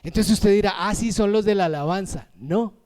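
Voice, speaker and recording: A man preaching a lively, emotional sermon as pastor, raising his voice when moved and acting out quick everyday voices. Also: high voice. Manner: acts out everyday voices in asides.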